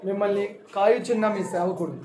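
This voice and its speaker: High-voiced man preaching in a roomy church. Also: a little fast, background noise. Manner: repeats key phrases for emphasis; addresses the congregation directly with questions. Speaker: pastor. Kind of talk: sermon with scripture reading. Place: church hall.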